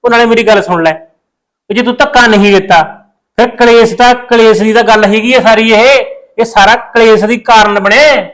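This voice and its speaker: A man's voice: high-pitched, fairly even intonation, fairly quick, fairly bright tone, poor audio. A young man playing a hot-tempered son and husband who accuses his wife, then apologizes. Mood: accusing, heated.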